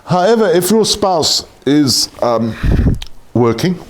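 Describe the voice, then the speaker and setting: A man's voice: fairly high pitch, big pitch swings, takes it slowly, slight background noise. A man lecturing a class on tax, blunt and joking, swearing casually.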